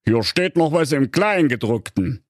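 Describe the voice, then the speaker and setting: A man's voice: mid-range voice, expressive, measured pace, no echo, studio quality, voice pushed up. A man voicing a pompous, officious middle-aged father who reads out rules pedantically.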